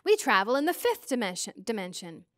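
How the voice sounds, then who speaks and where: A woman voicing a wise, kindly ancient female star being who speaks gently and patiently. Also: a little high, very animated, a little fast, dry recording, studio quality. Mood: gentle.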